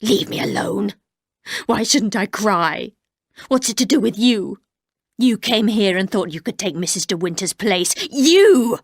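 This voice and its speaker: Performing a menacing, resentful housekeeper, the reader lowers her voice slightly and draws out each word, often sinking into a cold, hard whisper. Her intonation stays lively despite the chill. The close, dry recording has no room sound.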